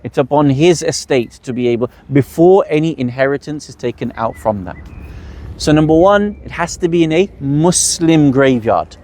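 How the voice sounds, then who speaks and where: Man teaching a workshop, slightly high voice. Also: lively intonation, normal speed, darkish tone. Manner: asks the audience rhetorical questions, then answers them. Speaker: religious teacher leading a workshop. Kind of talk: explanatory teaching talk.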